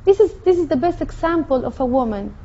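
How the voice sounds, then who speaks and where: A woman with a Mexican Spanish accent, earnestly telling her personal testimony in halting speech with many restarts. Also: sits high, expressive, warm tone, highs cut off. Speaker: convert sharing her testimony.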